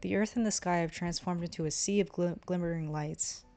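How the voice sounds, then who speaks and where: A woman streamer reads a visual novel aloud, voicing both the narration and the player's lines. Her voice sits a little low for a woman, and she stumbles on a word now and then. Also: steady tone, brisk, mellow, soft background music.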